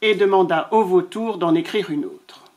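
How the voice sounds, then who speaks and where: A woman reading a children's picture book aloud, playful and expressive, adding little asides to the children. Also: on the low side, moderate pace. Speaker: storyteller.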